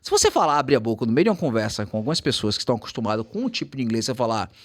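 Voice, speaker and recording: A man's voice: medium pitch, very fast. A man with a Brazilian Portuguese accent, an English teacher telling stories in casual chat and slipping into quoted English. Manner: animated storytelling, switching into quoted English.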